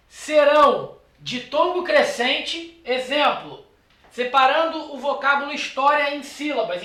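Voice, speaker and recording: A teacher with a Brazilian accent gives a lecture at a board, talking straight to the viewer. The voice is bright and forceful and keeps checking in with quick tag questions. The room echoes around it. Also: medium pitch. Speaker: exam prep teacher. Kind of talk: classroom lecture. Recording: roomy echo.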